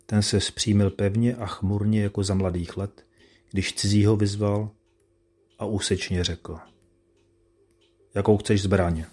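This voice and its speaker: A man narrating a classic tale in a measured, solemn manner. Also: on the low side, little pitch movement, a little mellow.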